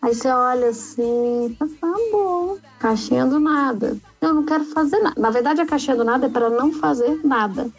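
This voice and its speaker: A woman with a high, bright-sounding voice chats casually and with plenty of life, acting out little scenes from home as she talks. Faint music plays underneath her. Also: normal speed, hardly any pauses, low-quality recording. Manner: animated, acts out quotes from home life. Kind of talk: casual chat.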